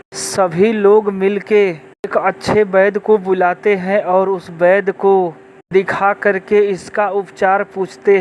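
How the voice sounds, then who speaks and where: High-pitched, monotone male storyteller. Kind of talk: scripted narration of a moral folk tale. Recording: dull lo-fi sound, faint background noise.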